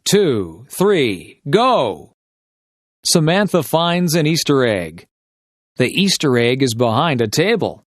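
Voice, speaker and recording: A man reading short, simple sentences as dictation for English learners, enunciating each one carefully and deliberately. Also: on the high side, no echo, studio quality.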